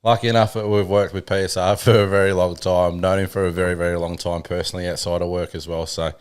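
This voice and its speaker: Low-voiced Australian man hosting a chat. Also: little pitch movement, fast, clear, resonant tone. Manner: familiar teasing. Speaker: interview host. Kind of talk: casual chat.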